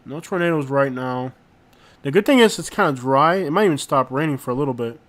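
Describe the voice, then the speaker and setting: A man hosting a casual live stream, talking in an informal, slangy and halting way and often repeating himself. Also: mid-range voice, lively intonation, fairly bright tone. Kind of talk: casual live stream chat, reacting to viewers. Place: inside a rented house.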